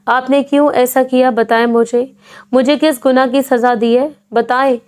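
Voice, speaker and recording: A woman's voice: sits high, fairly even intonation, darkish tone, smooth, close to an everyday voice. A woman voicing a heartbroken grown son in a storybook reading, repeating his pleas. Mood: angry.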